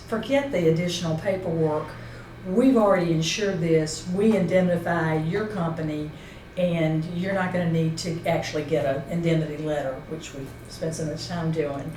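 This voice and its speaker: A seminar presenter with a lowish, slightly mellow voice leads an informal instructional session. She explains each step in turn and confirms details with a colleague as she goes. A distant microphone picks her up in an echoey room, with a faint layer of noise.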